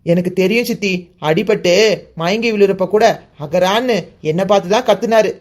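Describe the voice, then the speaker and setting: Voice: mid-range voice, moderate pace, natural voice. A voice actor playing an earnest, caring young man in a cartoon, reassuring and blunt. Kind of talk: cartoon voice acting.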